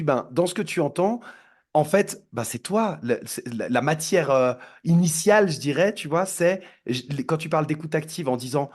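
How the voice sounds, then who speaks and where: A man hosts a conversational podcast interview. His voice sits a little high for a man, and he talks loosely, pausing and filling as he searches for his words. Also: a little mellow. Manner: searching for words, many fillers. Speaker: podcast host. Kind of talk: casual interview chat.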